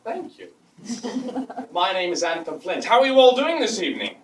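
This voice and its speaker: A man's voice: high-pitched, wildly swooping pitch, moderate pace, slight background noise. A man performing as a stage magician, with playful, teasing banter toward a volunteer. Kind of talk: live stage magic patter. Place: live stage before an audience. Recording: echoey stage sound from far off with loud ambience.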